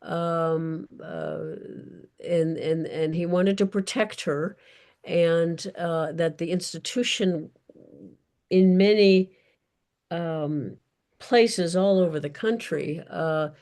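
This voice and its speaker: In an unscripted virtual event discussion, a woman author responds to audience questions with care, often hunting for the right word. Her voice is on the low side and darkish, and she speaks slowly.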